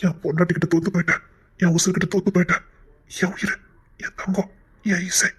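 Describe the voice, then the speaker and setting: A woman acting as a devoted young husband who teases his wife and then pleads his love in a soft voice. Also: lowish voice, level tone, quick pace, husky. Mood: tender. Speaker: actor in a romantic couple skit. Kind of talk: acted romantic dialogue.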